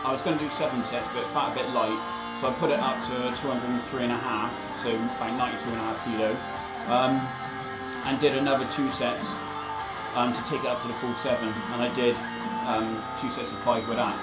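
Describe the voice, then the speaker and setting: A man's voice: medium pitch, fairly quick, over loud music, poor audio. Man casually explaining his gym workout. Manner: relaxed, hesitant with frequent ums. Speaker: fitness vlogger.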